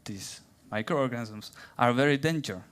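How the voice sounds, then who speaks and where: A young man with a Czech accent giving a playful, theatrical science talk in a plant's voice, then answering questions in halting English. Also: mid-range voice, a bit bright, clear, resonant tone. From Czech Republic. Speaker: science communication contestant.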